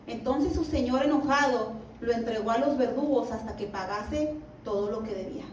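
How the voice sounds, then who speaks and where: Teaching a Bible class in a church hall, a high-pitched woman with a darkish tone reads scripture slowly and with care, regularly asking listeners "¿verdad?". The room echoes, the mic is distant, and faint background noise comes through.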